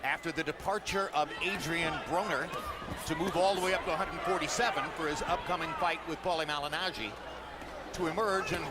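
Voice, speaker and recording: A man's voice: a little high, fairly even intonation, a little fast. A man calling a boxing match as play-by-play commentator, articulate, wordy and emphatic. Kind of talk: live sports commentary. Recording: very noisy live arena broadcast.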